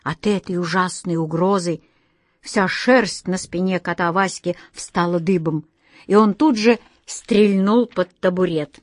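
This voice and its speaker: Woman reading a kids' story, slow and expressive, dry close studio sound. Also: on the low side, no echo. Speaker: narrator. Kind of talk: children's audiobook narration.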